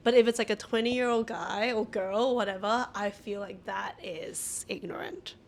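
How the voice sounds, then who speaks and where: A woman's voice: mid-range voice, steady tone, moderate pace. A woman in her thirties hosting a podcast, chatting casually with friends, laughing often and using lots of fillers. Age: 30s. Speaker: podcast host. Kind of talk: casual chat.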